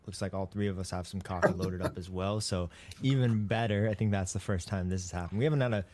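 Deep-voiced male podcast host. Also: steady tone, fast, heavy background noise. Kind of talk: casual sports podcast chat.

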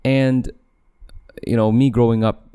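This podcast host, a young Malaysian man, has a mid-range, warm, clean voice with little pitch movement and a measured pace. Filming from a home room with the camera set back, he wanders through a casual solo chat, correcting himself and laughing frequently.

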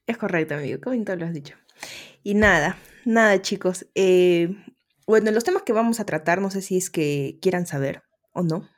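A woman chats casually as a podcast co-host, playful and quick to tease. Her voice sits low for a woman, and she laughs often. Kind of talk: casual chat.

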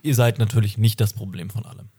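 A man's voice: lowish voice, fairly even intonation, fast talker, mellow, husky. A man in his twenties co-hosting a podcast, chatting casually, rambling and correcting himself, often breaking into laughter. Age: 20s. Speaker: podcast co-host. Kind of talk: casual chat.

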